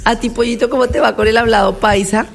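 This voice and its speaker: Lively woman host, somewhat high voice. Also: quick pace, creaky, breathy edge. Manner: lively, leads the conversation with questions. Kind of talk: casual chat.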